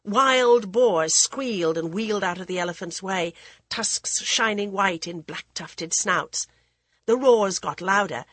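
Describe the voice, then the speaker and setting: Female audiobook narrator, husky, dry close recording, middle pitch. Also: a bit bright, no echo. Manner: voices characters with raised pitch. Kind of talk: scripted storybook narration.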